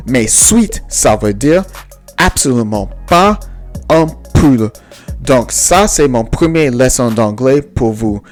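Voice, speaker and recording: Slow-talking man explaining. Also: mid-range voice. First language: English. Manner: explanatory, spells words out letter by letter. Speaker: vlogger. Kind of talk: casual English lesson vlog.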